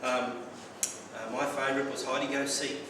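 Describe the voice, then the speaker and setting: Speaking at normal speed in a level, mid-range voice, an Australian man delivers a prepared speech to a club, full of wry anecdotes and occasional tripped-over repeats. The room echoes heavily, he is far from the mic, and background noise is plain to hear.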